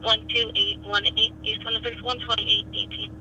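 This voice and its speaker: A man's voice: high-pitched, flat delivery, normal speed, pushed and bright, lo-fi sound. A man working as a police dispatcher, heard over police radio, giving clipped radio codes. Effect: police radio transmission. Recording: noisy scanner radio audio.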